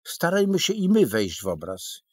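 A man's voice: a little high, huge pitch swings, moderate pace, breathy edge, no echo, voice pushed up, heavily acted. A man voicing an eccentric, boastful, burly male painter who declaims grandly in a storybook reading. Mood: grandiose.

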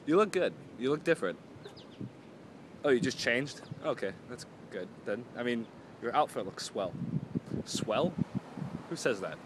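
A young man chats his way through a casual vlog in a parking lot. His voice sits at an ordinary pitch, and he rambles, mocks himself, and keeps losing his thread. Faint traffic hums behind him. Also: animated, normal speed. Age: young adult. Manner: chatty, rambling, self-mocking, trails off and restarts often. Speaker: vlogger. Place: outdoors in a parking lot beside parked cars.

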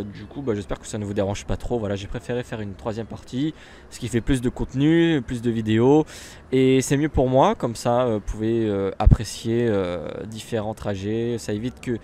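A man with a French accent talks casually over his gameplay, chatty and rambling, filling gaps with hesitations and restarts. His pitch sits in an ordinary middle range. Faint noise hums behind him. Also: a little mellow. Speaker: gaming YouTuber. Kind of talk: casual commentary while playing a bus simulator.

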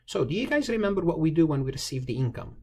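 An accounting lecturer's voice here is on the high side, dark and slightly rough, very animated and fast. In an informal screen-recorded tutorial, he explains step by step, often restating things conversationally.

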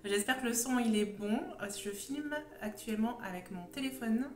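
A woman's voice: a little high, normal speed, a little hiss or hum. A woman in her thirties with a sore throat chats casually and hesitantly as she hosts a homemade hobby vlog. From Champagne, France. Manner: talkative, hesitant, wandering. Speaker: hobby video host, first-time vlogger. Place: room at home with stone walls. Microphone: phone at arm's length or slightly further. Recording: roomy, echoing phone recording with faint music.

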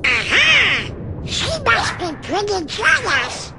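A performer playing a grumpy male cartoon duck in a video game, with a garbled, raspy, quacking voice. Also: very high-pitched, huge pitch swings, takes it slowly, noisy background, full character voice. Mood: teasing.

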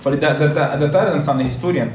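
In a big carpeted mosque room, a man with a fairly high voice gives boys an earnest, preachy religious lesson, repeating points for emphasis. A phone streams it live from across the room, leaving the audio echoey and distant with slight background noise.

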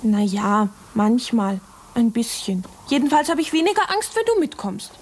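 A woman voicing a brave, curious young girl in a puppet play, eager and gently coaxing. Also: a little high, animated, normal speed, a little hiss or hum, natural voice. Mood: pleading.

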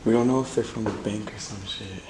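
Through the echoey bare rooms of an abandoned house, with loud noise on the recording, a young man talks in a lowish, fairly even voice that moves a little fast. His casual exploring commentary has him speculating about each room's former purpose, and his voice sinks to a hush whenever he gets nervous.

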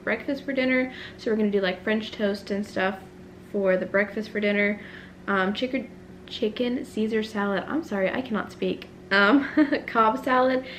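A woman's voice: mid-range voice, a little hiss or hum. A young woman in her twenties chatting casually to her camera at home, rambling with fillers and self-corrections. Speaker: family vlogger. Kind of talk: casual vlog chat. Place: home bedroom, then kitchen.

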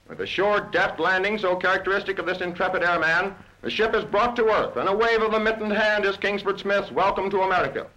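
An old newsreel narrator, a man with a high, bright, forceful voice delivering scripted lines in a brisk, excited announcer style. The sound is a scratchy 1930s newsreel soundtrack with a thin, lo-fi edge. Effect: old newsreel voice-over.

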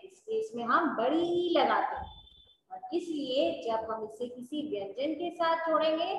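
A woman teaching young children, slowly explaining with example words, stretching the vowels and checking whether the children understood. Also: sits high, distant mic. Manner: asks the children if they understood. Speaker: primary school teacher. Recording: echoey classroom with faint background noise.

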